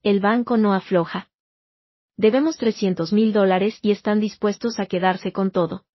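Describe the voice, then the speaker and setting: A stern older father speaks low and deliberately, read out by a woman storyteller. The sound is slightly muffled and dry, with no room around it. Her pitch stays in a middle range. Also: steady tone, no room sound, close to an everyday voice. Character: stern father, older man, pressing for money.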